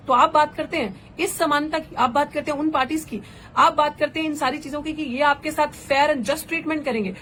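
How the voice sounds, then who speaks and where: A young woman activist speaks in an impassioned, fervent way, driving her points home with rhetorical questions. Her voice sits on the high side. A faint hiss runs under the recording. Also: poor audio. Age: young adult. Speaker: political activist. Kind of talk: impassioned political address.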